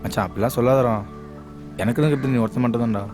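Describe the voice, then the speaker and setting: A lovesick young man in a film, played by an actor, pleading with his friend in a quick, mid-pitched voice. Music plays clearly beneath. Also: natural voice. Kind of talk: film dialogue.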